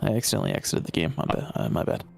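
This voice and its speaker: A man's voice: low-pitched, very fast, vocal fry, faint music behind. A man playing a tabletop game over voice chat, joking and tripping over his words. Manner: jokey, lively, stumbling over words. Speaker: player. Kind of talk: casual play over voice chat.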